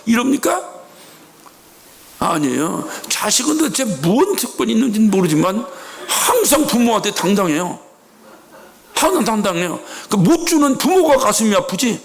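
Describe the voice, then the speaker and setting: A man's voice: high voice, sing-song, normal speed, gravelly. A middle-aged man preaching a sermon as a church pastor, emphatic, with rhetorical questions and acted-out quotes. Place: church sanctuary.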